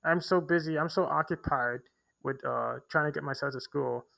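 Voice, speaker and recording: A young vlogger at a homeless shelter in a big city tells the camera a long, rambling personal story, repeating words and restarting constantly with lots of fillers. His voice is higher than average, creaky, pushed and bright, at normal speed, and the audio quality is poor.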